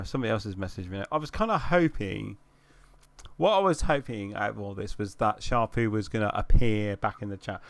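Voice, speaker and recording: A man's voice: on the low side, no echo. A man hosting a live stream on a video call, chatting casually, laughing often and swearing freely. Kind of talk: casual chat.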